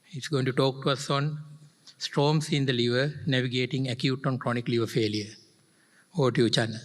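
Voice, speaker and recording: A man chairs a medical conference session and introduces the first speaker. He sounds brief and a little hesitant, with "uh" fillers. His mid-pitched voice carries a long hall reverb. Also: fairly even intonation, brisk. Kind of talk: formal introduction.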